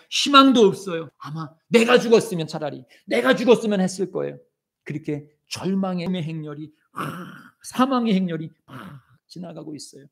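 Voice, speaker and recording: A man's voice: on the high side, gravelly, fairly bright tone, husky. A middle-aged male pastor preaching a sermon in a church, acting out quoted voices and raising his voice for commands. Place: church sanctuary.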